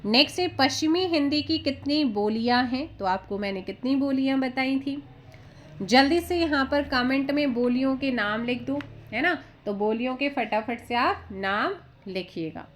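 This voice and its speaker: Woman coach, somewhat high pitch, drills answers by asking and repeating. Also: expressive, a little hiss or hum. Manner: repeats answers with quick rhetorical checks. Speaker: exam coaching teacher. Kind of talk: quiz-answer lesson.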